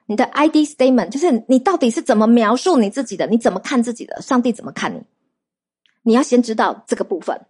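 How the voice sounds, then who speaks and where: A woman preaching a sermon, telling lively testimony stories and throwing rhetorical questions at her listeners. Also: on the high side, slightly rough.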